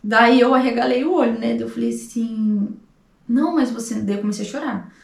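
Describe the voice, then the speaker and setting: This Brazilian Portuguese-accented vlogger in her thirties has a slightly high, creaky, darkish voice and talks a little fast. She tells a personal story with feeling, performing the dialogue, recorded on a distant mic in an echoey room.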